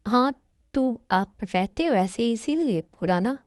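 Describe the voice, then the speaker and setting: A woman's voice: fairly high pitch, lively intonation, takes it slowly, no room sound, studio quality. A woman doing a timid, pleading young wife. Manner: pleading, soft, apologetic. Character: timid young woman, sweet and easily frightened. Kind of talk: Hindi fan-dub romance drama.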